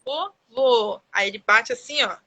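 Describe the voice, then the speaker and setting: A woman's voice: on the high side, moderate pace, pushed and bright, poor audio. A woman with a Brazilian Portuguese accent, a guest mother telling stories in a live-stream conversation and acting out her child's words.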